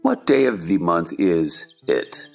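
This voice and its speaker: A man playing an eccentric, argumentative Hatter in a stage play dramatization, with a slow theatrical drawl. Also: low-pitched, sing-song, creaky, a little mellow, soft background music, heavily acted. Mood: cranky, odd. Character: eccentric, gloomy, argumentative Mad Hatter at tea.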